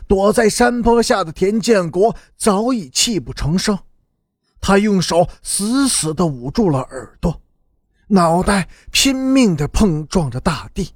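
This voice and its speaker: Slow, dramatic male audiobook narrator. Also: high voice, no room sound, studio quality. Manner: slow, dramatic, expressive storytelling.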